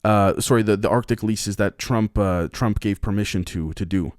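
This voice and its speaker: In a studio-quality recording with no echo, a podcast host with a lowish, darkish voice reads news headlines at a moderate pace. His casual commentary is blunt and profane, and he rambles with frequent restarts.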